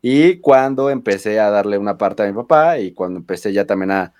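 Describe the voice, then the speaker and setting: A man's voice: fairly low pitch, expressive, brisk, a little mellow. A young man chatting casually with friends, hesitant and full of fillers and slang. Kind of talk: casual chat among friends.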